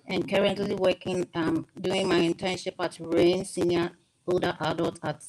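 A woman's voice: on the low side, flat delivery, darkish tone. Woman speaking muffled as if through a wall. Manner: halting, restarts phrases. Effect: muffled, breaking-up connection. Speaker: public commenter, social work student. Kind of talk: public testimony at a hearing. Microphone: remote call line. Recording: muffled, cutting-out remote line.

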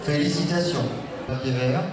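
A man presenting at a cat show, joking and teasing as he chats with exhibitors on a handheld mic. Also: mid-range voice. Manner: playful, teasing, quick asides. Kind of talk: joking live commentary. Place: large echoey sports hall at a cat show. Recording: echoey hall, distant mic, crowd noise.

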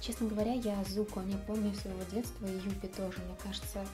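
A woman's voice: mid-range voice, fairly even intonation, quick pace. A young woman hosting a vlog, telling stories casually to the camera in a living room. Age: young adult. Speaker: vlog host. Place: furnished living room, indoors. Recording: music behind the voice.

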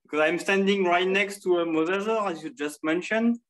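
A man's voice: sits high, moderate pace, fairly bright tone, rough recording. A native French-speaking man with a French accent, casually commenting as a fossil preparator on a video call from his apartment. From France. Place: apartment, indoors.

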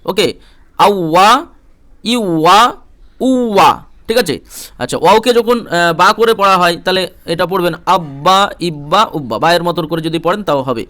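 A male Quran reading teacher who patiently spells out Arabic syllables and repeats each drill in a slow recitation lesson. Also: high-pitched, fairly bright tone. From India.

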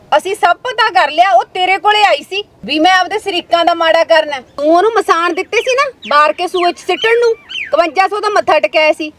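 A sensible, no-nonsense village sister, acted by a woman in a homespun family drama, with a Malwai Punjabi accent. Her very high voice lays down the law in a firm, lecturing way. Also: a bit bright. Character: sharp, sensible village sister, young adult.

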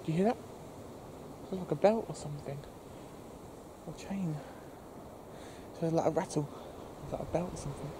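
A man's voice: on the high side, normal speed, long pauses. A young British man talking casually to viewers in a nervous, jumpy way as he walks outside with a handheld camera. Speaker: vlogger. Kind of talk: casual night exploring vlog, talking to viewers. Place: outdoors walking in woods at night. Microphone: handheld camera microphone. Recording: noisy outdoor handheld camera recording.

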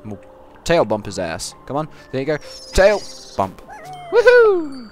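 A man giving goofy, casual gameplay commentary, talking to the game and breaking into sudden loud yelps. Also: mid-range voice, sing-song, normal speed. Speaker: gaming commentator. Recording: game music behind the voice.

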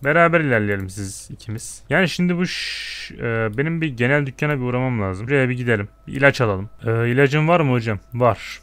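A man's voice: mid-range voice, a bit bright, clean tone, dry recording. A young man talks through his game in a loose, joking way, reading on-screen lines aloud as he goes. His voice sits in an ordinary middle range. The sound is dry and close, from a desk microphone at home. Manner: chatty, jokey, reads game dialogue aloud. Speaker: gaming streamer. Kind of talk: casual let's-play commentary.

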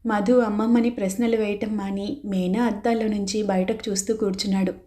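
Mellow-voiced woman reading a novel. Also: mid-range voice, a little fast. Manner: steady storytelling, voicing characters' lines. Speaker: audiobook narrator. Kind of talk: scripted novel narration.

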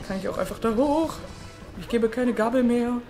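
A young woman hosting a let's play, chatting excitably with frequent swearing and sudden shrieks. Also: fairly high pitch, moderate pace. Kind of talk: casual gameplay commentary. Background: faint game music.

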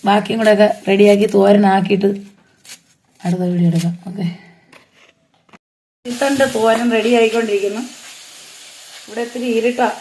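Middle-aged woman, hoarse throat, warm dark voice, chatty cooking vlog, faint background noise. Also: medium pitch. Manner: chatty, homely explaining while working. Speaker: home cooking vlogger. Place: home garden and old dim kitchen.

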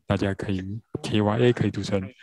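A man interpreting a grammar lesson, spelling out syllables one by one with frequent pauses. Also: fairly low pitch, steady tone, crowd noise, rough recording. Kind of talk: slow spoken lesson.

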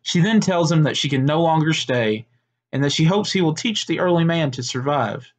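A man narrating a made-up story in a steady, unhurried way, with small slips and restarts. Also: fairly high pitch.

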